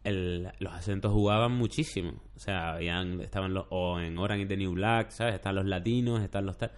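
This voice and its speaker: A man's voice: sits low, fairly even intonation, a little fast. A middle-aged man, chatting casually as a podcast host and telling rambling stories. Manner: rambling, storytelling with shouted impressions. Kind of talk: casual chat.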